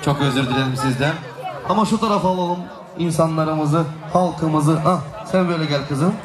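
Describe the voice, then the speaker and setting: A man announcing gifts at a wedding in a booming, commanding manner, calling out to guests and directing them. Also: moderate pace. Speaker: wedding gift-ceremony announcer. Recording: echoey live event, loud music and crowd. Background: loud music and crowd.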